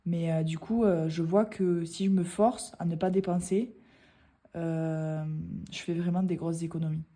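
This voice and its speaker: Mellow low-voiced woman vlogging casually. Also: fairly even intonation, unhurried. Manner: rambling, hesitant, many fillers. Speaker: budgeting vlogger. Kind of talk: casual chat.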